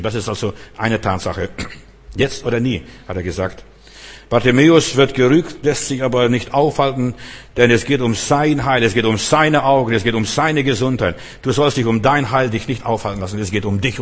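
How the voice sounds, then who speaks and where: A man's voice: medium pitch, fairly quick. A man preaching a fervent sermon, speaking straight to his listeners and repeating phrases for emphasis. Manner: fervent, addresses listeners directly with repeated "weißt du". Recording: long hall reverb.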